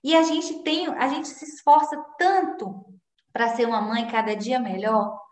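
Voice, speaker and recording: A woman telling personal parenting stories in a candid, confessional and animated way. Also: on the high side, a little slow, reverberant. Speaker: guest parenting speaker. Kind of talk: conversational storytelling.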